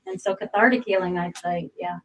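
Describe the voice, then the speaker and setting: A woman's voice: lowish voice, fairly quick, poor audio. Enthusiastic woman co-host. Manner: enthusiastic, frequent agreeing mm-hmms. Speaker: psychic medium co-host. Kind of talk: casual panel chat.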